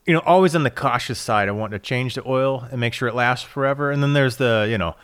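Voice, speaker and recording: A man's voice: medium pitch, quick pace, a bit bright, clean tone. A male co-host on a car podcast who talks things through at length, easygoing and explanatory. He uses lots of fillers and restarts. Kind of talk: casual podcast chat.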